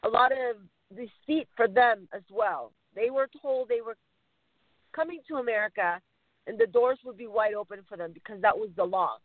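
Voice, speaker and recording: A man's voice: high-pitched, moderate pace, no echo. A man from Mexico answering interview questions in an earnest way, often circling back to rephrase. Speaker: interview guest. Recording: dry, phone-like line.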